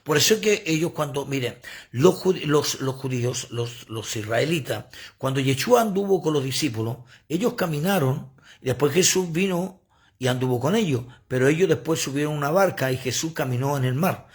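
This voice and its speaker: Raspy, animated male preacher. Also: fairly high pitch, moderate pace. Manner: preachy, animated, asides to viewers. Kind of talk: livestreamed sermon. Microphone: phone.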